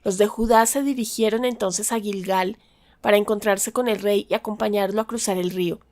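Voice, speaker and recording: Calm woman reading scripture. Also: mid-range voice, a little fast. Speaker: Bible reader. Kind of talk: scripted Bible narration.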